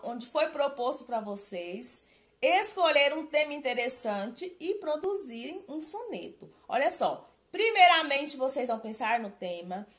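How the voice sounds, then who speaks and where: A woman from Brazil, a primary school teacher, giving a recorded lesson to children in a slow, careful, sing-song way. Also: high voice.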